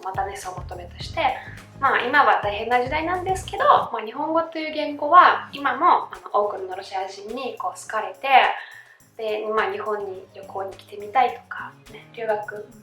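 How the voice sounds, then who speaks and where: A woman's voice: on the high side, animated, moderate pace, pushed and bright. A woman with a Russian accent, hosting a casual chat with many fillers. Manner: chatty, many fillers, laughs easily. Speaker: host. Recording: roomy echo with faint background music.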